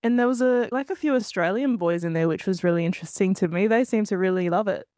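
A woman's voice: mid-range voice, fast talker, darkish tone, no room sound, clean studio sound. A woman hosting an interview, reading a scripted introduction and then asking encouraging questions. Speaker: interviewer, host.

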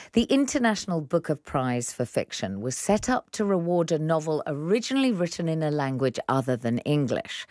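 A woman radio presenter with a low voice reads the programme links in a polished, measured way. The sound is close and dry, with no room around it. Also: dry recording. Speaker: radio arts show presenter. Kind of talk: broadcast presenting and interviewing.

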